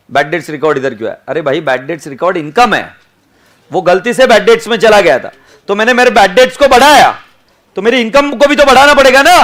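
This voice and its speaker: Animated Indian man teaching accounts, high-pitched. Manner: animated, stretches words for emphasis, sing-song teaching intonation; mixes English into Hindi, calls students "beta". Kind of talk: classroom lecture. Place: classroom.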